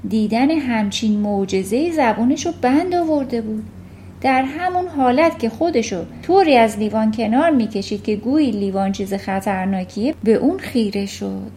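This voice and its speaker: A woman narrating a children's novel in a calm storytelling manner. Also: on the high side, a little hiss or hum. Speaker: audiobook narrator. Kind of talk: children's audiobook reading.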